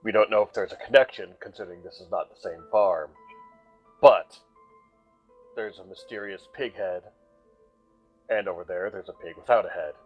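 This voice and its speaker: A man playing a measured adventurer who formally recounts a quest in a deliberate storyteller's manner in a tabletop game. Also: low voice, slightly rough, dull audio, faint music behind. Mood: solemn.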